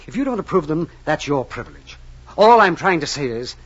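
A put-upon office manager. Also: male voice, on the high side, very animated, fairly quick, fairly bright tone, husky, exaggerated voice. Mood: defensive. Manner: defensive, earnest. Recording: dull lo-fi old radio recording.

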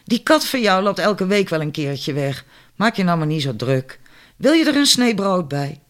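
A man's voice: high-pitched, very animated, normal speed, a bit bright. A man reading an audiobook, voicing a fiery, opinionated working-class woman who talks indignantly and bossily. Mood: brisk, bossy. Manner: indignant, chatty, bossy.

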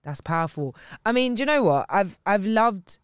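A woman interviews in a smooth voice with very lively intonation. She is casual, enthusiastic and affirming, recorded close and dry. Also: mid-range voice, moderate pace, dry recording. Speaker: interview host.

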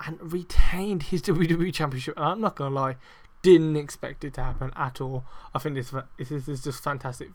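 Swearing, excitable podcast man. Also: on the high side, fairly quick, few pauses. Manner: heavy swearing, rambling with many fillers; excitable, emphatic. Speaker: podcast host. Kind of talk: casual wrestling review podcast.

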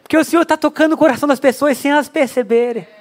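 Man, very high voice, pastor, conversational sermon, church, rhetorical asides. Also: rapid-fire, some chatter behind.

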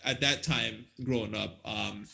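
A man's voice: lowish voice, measured pace, gravelly, a crowd in the background. A man, telling rambling stories in casual podcast chat, full of slang. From Canada. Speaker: podcast co-host.

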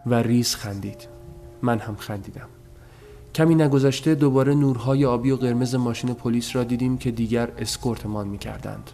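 A man narrating a story as an audiobook, in a measured, subdued telling. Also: medium pitch, warm tone, faint music behind.

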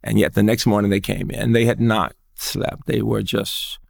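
A man's voice: lowish voice, level tone, normal speed, vocal fry. An older man, an educator, recounting his memories in an earnest, emphatic way during an interview. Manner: earnest storyteller, thoughtful and emphatic. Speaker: guest, educator.

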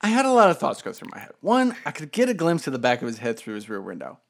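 A man co-hosting a casual chat, telling a story in an animated, profane way with bursts of laughter. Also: medium pitch, fast talker, creaky. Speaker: podcast co-host.

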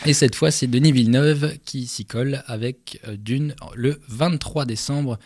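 A man's voice: mid-range voice, steady tone, measured pace, darkish tone, no room sound. A man runs through upcoming releases as a radio film columnist, chatty and eager, with the odd restart. His voice sits mid-range and the studio sound is dry and close, with no room around it. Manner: enthusiastic, chatty, with fillers and restarts. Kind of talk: presenting a film preview.

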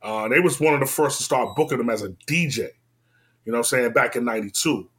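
A man in his forties with a Washington, D.C. accent, telling his story in a casual, slangy, laid-back way that drifts between loud and low. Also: fast.

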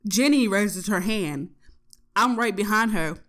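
A woman's voice: mid-range voice, measured pace, fairly bright tone. A young woman telling a story from her day in a casual, profane and exasperated way, with lots of swearing. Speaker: podcast host.

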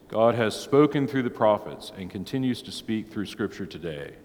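A man who preaches, teaching a church catechism class in a relaxed, conversational way, heard with a long church echo. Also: on the low side, normal speed. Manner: conversational, tags many points with "right?". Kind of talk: informal church class teaching, opening with prayer.

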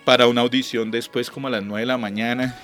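A middle-aged Colombian man, a lyric singer, telling stories in a chatty, animated way during an interview, acting out the dialogue he recalls. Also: medium pitch, quick pace, over music. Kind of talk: relaxed storytelling.

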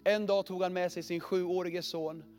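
A male preacher telling a story in a sermon, earnest and often dropping to a hushed, heavy voice. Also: high-pitched, flat delivery, faint music behind.

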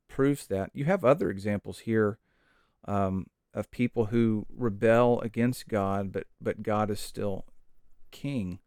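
A middle-aged man hosting a podcast, talking in a relaxed, chatty way with fillers and side stories during a Bible study conversation. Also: on the low side, clean tone, no echo, studio quality. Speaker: podcast host.

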